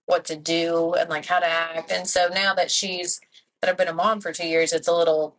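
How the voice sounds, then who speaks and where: A woman in her twenties, a podcast guest, telling a personal story in a rambling, animated way full of "like". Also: fairly low pitch, normal speed, a little hiss or hum, low-quality recording. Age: 20s. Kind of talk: casual chat.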